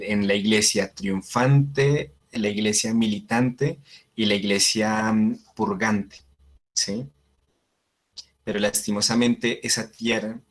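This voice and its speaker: A man teaching a Latin class over a video call, explaining slowly with many fillers and restarts and checking in with his students. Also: fairly low pitch. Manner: checks in with listeners by asking "sí?". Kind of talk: online class lecture.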